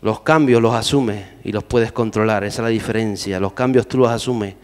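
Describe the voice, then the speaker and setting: A man preaching a sermon. He swings loud exhortation to low, quiet asides and keeps asking the congregation questions. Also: steady tone, normal speed, big-room sound. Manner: addresses the congregation with repeated questions. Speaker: pastor.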